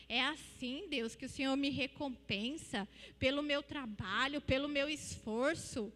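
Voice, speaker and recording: A woman's voice: high voice, fairly bright tone. A woman from Brazil giving an earnest, emotional spoken testimony in a church, retelling her story with repeated phrases. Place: church hall. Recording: long hall reverb with faint music.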